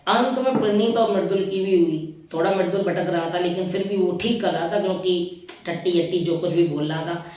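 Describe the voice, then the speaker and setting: A man offers casual, opinionated commentary on a reality show, chatting directly to listeners and repeatedly calling them brother. His voice sits high, brisk and a little mellow, recorded far from the mic in a very echoey room.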